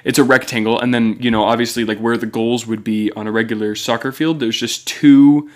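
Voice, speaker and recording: A man talks as a podcast co-host in a loose, informal chat. He explains game rules in a rambling way, often feeling around for the right word. His voice sits at an average pitch for a man. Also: fairly even intonation, brisk. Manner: informal, rambling, searching for words. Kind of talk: casual chat explaining a pen-and-paper game.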